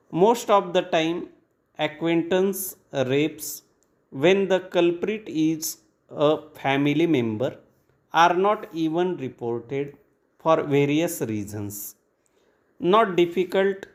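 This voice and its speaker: A man dictating formal legal text for shorthand practice, reading in short measured phrases with pauses between them. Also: on the high side.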